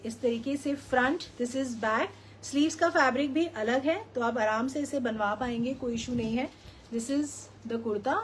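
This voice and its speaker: A woman's voice: high voice, husky. A woman with an Indian English accent hosting a live shopping showcase, effusively praising each outfit and mixing Hindi with English. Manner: effusive selling, repeats "very, very", mixes Hindi and English.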